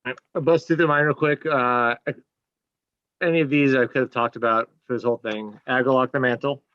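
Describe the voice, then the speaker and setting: A man co-hosting a casual music podcast, rushing through a rambling list with casual swearing. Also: medium pitch, fairly even intonation, dry recording. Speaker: podcast co-host. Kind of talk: casual chat. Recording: dull, dry lo-fi mic.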